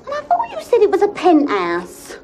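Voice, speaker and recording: A woman's voice: very high-pitched, wildly swooping pitch, moderate pace, mellow, slight background noise, full character voice. A young woman with a London accent playing a brash, blunt, complaining girlfriend in a naturalistic television comedy-drama. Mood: indignant.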